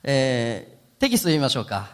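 A man pastor preaching a sermon in a gentle, conversational way with frequent fillers. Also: medium pitch, big pitch swings, normal speed, long reverb tail.

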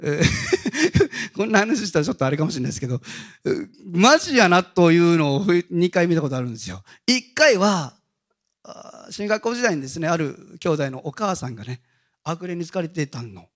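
A male pastor giving a Sunday sermon, telling stories in a casual, animated way. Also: fairly high pitch, moderate pace. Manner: animated storytelling with casual asides.

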